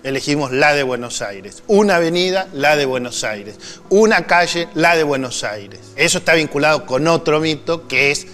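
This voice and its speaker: Male commentator, slightly high voice, argumentative, faint music behind. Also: lively intonation, moderate pace, a bit bright. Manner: emphatic, argumentative. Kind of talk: explanatory talk to an audience.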